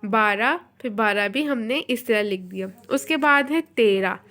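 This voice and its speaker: A woman's voice: fairly high pitch, measured pace, a bit bright. A woman school teacher gives a recorded online lesson. She is patient and keeps checking that the students follow. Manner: patient, repeats "ठीक है" to check understanding.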